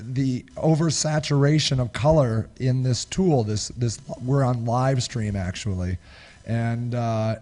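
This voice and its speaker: Still getting over a cold, this middle-aged webinar host sounds husky and raspy, though his mid-range voice has a warm tone. Talking from a small home office into a studio mic right in front of him, he rambles casually, restarting often, chuckling, and gesturing as he goes.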